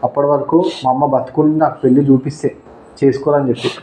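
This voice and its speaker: A man's voice: mid-range voice, flat delivery, fast talker, warm tone, roomy sound. A man talking in a cold, dismissive and insistent way in an emotional scripted skit.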